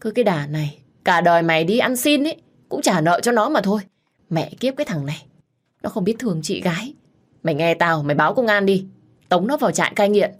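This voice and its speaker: Woman reading as a loud blunt young woman friend, storybook. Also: on the low side, normal speed, natural voice. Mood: outraged.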